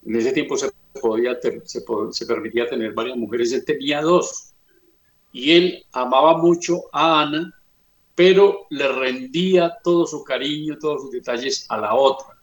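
A man giving an earnest religious talk, slow and emphatic, retelling scripture stories. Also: medium pitch, a bit bright. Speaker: speaker on family and faith. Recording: roomy echo.

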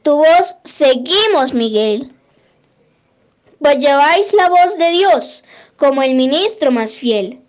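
A woman leads a prayer in a high, light voice, moving through each verse slowly and deliberately. Her measured, devotional recitation carries the steady rhythm of a litany read aloud.

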